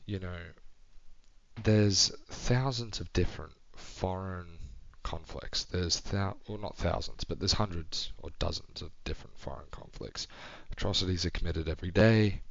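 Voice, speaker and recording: Young male vlogger, very low voice, hushed late-night monologue, halting and reflective, slightly muffled recording. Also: vocal fry, dry recording. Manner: hushed, near-whispering delivery; thinking aloud, pausing and restarting. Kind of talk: late-night solo ramble. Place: home at night.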